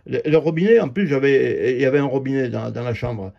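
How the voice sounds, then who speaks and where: A man's voice: medium pitch, brisk, vocal fry, a little mellow. A man in his fifties telling a personal story in an indignant, rambling monologue, repeating himself and swearing freely. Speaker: vlogger. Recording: dull lo-fi sound.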